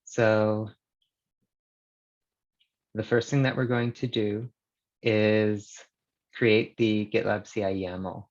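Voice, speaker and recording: A man presenting a software demo live on a video call, talking casually and hesitantly with many fillers, captured in a screen recording. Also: lowish voice, little pitch movement, slow pace, long pauses, highs cut off. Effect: screen-recorded video call audio.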